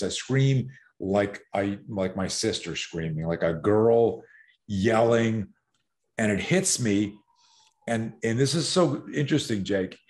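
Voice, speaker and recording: A middle-aged man telling a story as a podcast guest, acting out voices and sounds and laughing often. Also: on the low side. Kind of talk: animated storytelling in a podcast interview.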